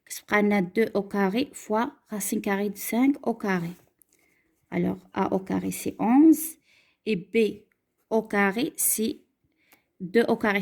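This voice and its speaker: A woman with a Moroccan accent teaching a math lesson, stepping through calculations and slowing down to read out examples. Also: mid-range voice. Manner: switches between French and Moroccan Arabic, slows down to dictate examples.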